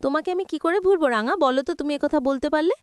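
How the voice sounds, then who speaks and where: A woman's voice: sits high, fast, dry recording, studio quality, pitched above the performer's own voice, lightly acted. A woman voicing a heartfelt, emotional young bride in a storybook retelling of a TV serial.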